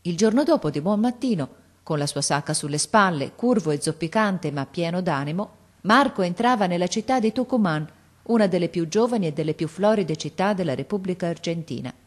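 A woman narrating a classic story in an expressive, measured way. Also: fairly low pitch. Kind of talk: audiobook narration of a classic novel.

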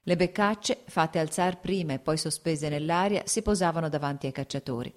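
A woman reading a classic novel aloud as an audiobook, steady and measured. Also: deep voice. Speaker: audiobook narrator.

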